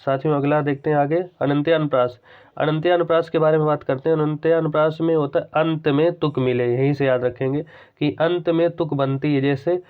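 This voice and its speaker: Hindi teacher with a tinny phone-like sound. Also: male voice, a little high, steady tone, smooth. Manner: explains patiently, repeats key terms, slows to recite examples. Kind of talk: exam-prep grammar lesson.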